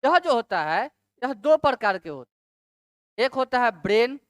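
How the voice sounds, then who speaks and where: A woman teacher giving an exam-prep science lecture. She repeats key terms slowly, syllable by syllable, and asks rhetorical check questions. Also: fairly high pitch, sing-song, no room sound, studio quality.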